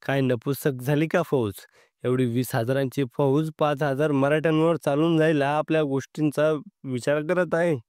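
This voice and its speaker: A man's voice: medium pitch, a little mellow, clean tone, no room sound, studio quality, lightly acted. A man reading the lines of an arrogant, angry army general in a storybook narration, commanding and scornful.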